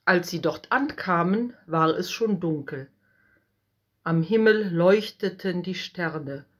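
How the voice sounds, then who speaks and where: Woman storyteller, scripted storybook narration, gentle, measured, low voice.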